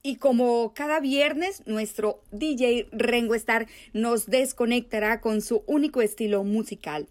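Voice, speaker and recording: A woman co-hosting a radio show from home, announcing contact details in a measured way. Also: on the high side, darkish tone. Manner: measured, reads out contact details and guest introduction. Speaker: radio co-host.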